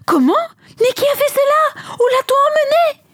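A woman voicing a tearful young woman, high and crying. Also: slow pace, darkish tone, no room sound, studio quality. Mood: distraught.

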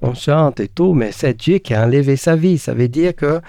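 A man teaching the Bible in a relaxed conversation. He speaks earnestly and asks rhetorical questions, with frequent fillers and restarts. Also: on the high side, moderate pace, gravelly, no room sound, clean studio sound.

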